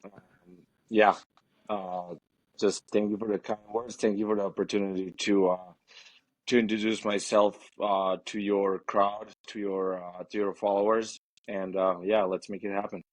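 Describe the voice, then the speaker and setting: Flat-voiced man from Serbia. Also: lowish voice, moderate pace, no echo, poor audio. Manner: hesitant, many fillers and restarts. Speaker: guest. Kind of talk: casual interview.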